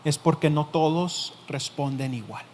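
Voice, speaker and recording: A man preaching a sermon who speaks straight to the listener, repeats his key phrases and lets the ends of sentences sink to a hush. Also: on the high side, a little slow. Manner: direct, addresses the listener as tú. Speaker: pastor.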